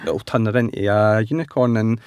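A man's voice: fairly low pitch, fairly quick, a little mellow, clear, resonant tone, no echo. A man from Scotland with a broad Scottish accent and Scots words, chatting casually as an interview guest. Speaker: guest author and translator of children's books.

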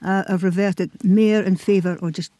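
Scottish woman host, broad accent, mellow voice. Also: medium pitch, steady tone, moderate pace, dry recording. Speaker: radio show host. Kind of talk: casual interview chat.

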